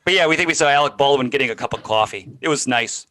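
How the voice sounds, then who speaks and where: Male co-host, casual banter, bright tone, animated delivery. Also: quick pace. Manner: animated storytelling, jumps in pitch when quoting others.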